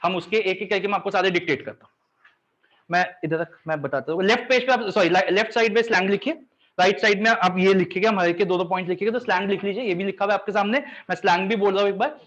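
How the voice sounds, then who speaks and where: A man's voice: sits high, quick pace, fairly bright tone, dull audio. A man teaching a live revision class, often checking that students follow and drilling them with call-and-response recitation.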